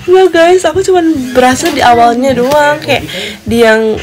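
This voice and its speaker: A woman's voice: high voice, expressive, normal speed, heavy background noise. A young woman chatting casually with viewers on a phone livestream from her bedroom, giggly and talkative. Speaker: live streamer. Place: bedroom at home. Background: music.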